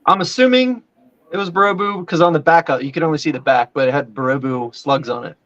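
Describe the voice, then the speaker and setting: Male podcast co-host, fairly high voice, wry and jokey, slightly muffled recording. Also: fairly even intonation, fast talker, fairly bright tone. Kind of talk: casual fan podcast chat.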